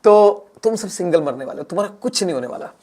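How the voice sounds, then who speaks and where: A man teaching a class, lecturing in a lively way, repeating words and acting out small scenes to explain. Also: sits high, quick pace. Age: adult, has a son. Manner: animated, repeats words, acts out little scenes.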